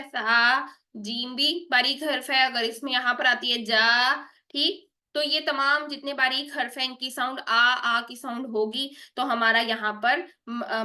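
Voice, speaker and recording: Bright-voiced woman teaching Quran recitation. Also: fairly high pitch. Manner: patient, repeats "theek hai" and models sounds slowly. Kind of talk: online tajweed lesson.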